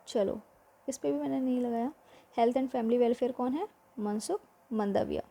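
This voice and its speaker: A woman's voice: on the high side, measured pace, vocal fry, mellow. A young woman teaching a memory-trick lesson for exams, quizzing the listener with repeated questions.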